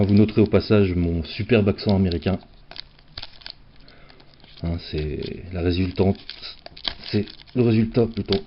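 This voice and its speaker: A man talks through opening packs of cards in a relaxed, joking way, often poking fun at himself. His voice sits on the low side. The recording is dull and lo-fi. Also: slight background noise. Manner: chatty, self-mocking, playful. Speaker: card collector opening packs. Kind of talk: casual unboxing commentary.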